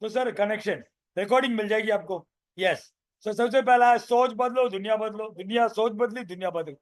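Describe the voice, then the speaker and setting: A man's voice: sits high, moderate pace. A man, a business coach, leading a live video-call training session with energy and many repeated phrases. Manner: energetic, repeats phrases, role-plays sales calls.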